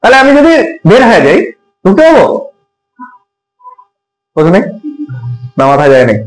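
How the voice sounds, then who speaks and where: High-voiced male teacher. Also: sing-song, moderate pace, roomy sound, faint music behind, low-quality recording. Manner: colloquial, asks students questions often. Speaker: computer teacher. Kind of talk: classroom lesson with everyday examples.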